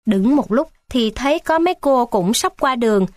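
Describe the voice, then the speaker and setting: A woman narrates a story in a steady, expressive reading voice. Her voice sits fairly high. The sound is close and dry. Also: moderate pace, no room sound.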